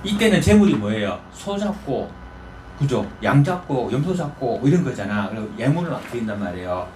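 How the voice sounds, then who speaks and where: A man's voice: mid-range voice, very animated, a little fast, darkish tone, slight background noise. A male pastor preaching in a folksy storytelling manner, often asking the congregation questions. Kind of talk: conversational sermon.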